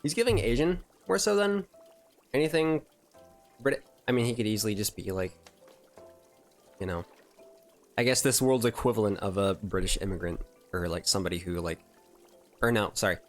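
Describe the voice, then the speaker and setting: A man's voice: fairly low pitch, moderate pace, long pauses. Guy streaming a game, hyped reactions, cussing, faint music behind. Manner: excitable, swears, says bro a lot. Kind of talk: casual gaming commentary.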